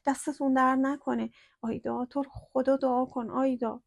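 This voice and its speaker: A woman's voice: on the high side, level tone, a little mellow, no echo, studio quality. A woman voicing a frightened young woman who pleads in a shaky, urgent voice in a spoken storybook. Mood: tearful.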